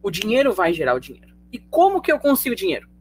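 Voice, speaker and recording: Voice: mid-range voice, wildly swooping pitch, fast talker, a little mellow, a little hiss or hum. A sociology teacher with a Brazilian accent giving a live online class in a chatty way. The teacher keeps asking the students questions and checking in with them. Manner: conversational, asks students rhetorical questions, tags sentences with "tá?".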